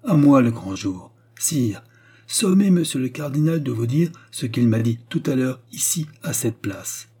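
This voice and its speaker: A haughty queen in a storybook reading, her voice pushed high and ringing with contempt, as a male reader puts her on. Underneath, the tone stays husky and mellow. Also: animated, a little slow. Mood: indignant. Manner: haughty, scornful, vehement. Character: proud furious woman queen. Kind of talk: audiobook character reading.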